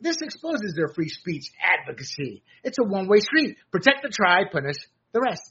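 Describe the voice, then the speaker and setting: Male political commentary host, combative and sarcastic, husky and bright, on dull audio. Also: high-pitched, sing-song, moderate pace. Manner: combative, sarcastic, rising to shouts.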